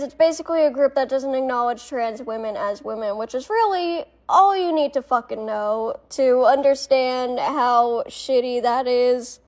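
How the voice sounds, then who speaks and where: A woman giving a sarcastic, profane commentary vlog, addressing her viewers in a mock-patronizing way. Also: sits high. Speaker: commentary vlogger.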